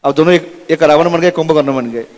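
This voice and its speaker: A preacher with a somewhat high voice gives a sermon in a temple hall, talking a little fast. He tells stories dramatically, acting out the dialogue.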